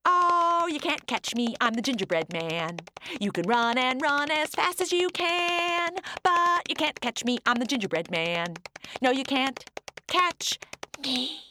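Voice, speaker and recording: A woman's voice: sits high, wildly swooping pitch, slow, fairly bright tone, slight background noise, pitched above the performer's own voice, exaggerated voice. A woman voicing a cheeky, boastful little gingerbread man who taunts in a singsong chant. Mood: taunting.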